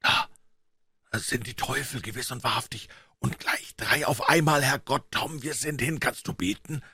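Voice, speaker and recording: Audiobook boy: superstitious, trembling with fear, whispering low, read by a man. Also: lively intonation, moderate pace, fairly bright tone, dry recording. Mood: fearful. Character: superstitious, fearful ragged boy. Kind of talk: audiobook character voice.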